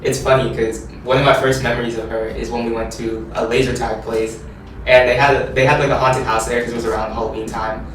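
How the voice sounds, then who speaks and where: A man in his twenties introducing himself and telling a story in a relaxed, casual way. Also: medium pitch, brisk. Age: 20s. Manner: relaxed storytelling, says "like" a lot. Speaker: interviewee. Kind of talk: casual interview answers. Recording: echoey room, far from mic, noisy.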